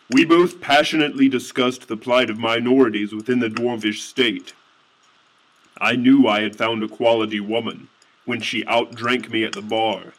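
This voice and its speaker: A man's voice: medium pitch, a bit bright, low-quality recording. A man narrating a satirical fantasy story in a mock-earnest tone with indignant outbursts.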